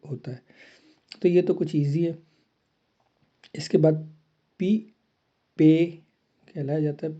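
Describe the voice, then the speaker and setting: A man teaching a lesson in a deliberate way, repeating each item twice. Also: on the high side. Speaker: language teacher. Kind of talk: slow spoken lesson. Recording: slightly muffled lo-fi recording.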